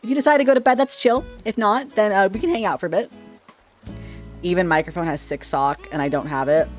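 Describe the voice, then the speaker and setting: A streamer chats casually with viewers on a livestream through a desk microphone, his slightly shrill, sharp voice moving fast. He rambles playfully and trips over his words, with faint music behind him.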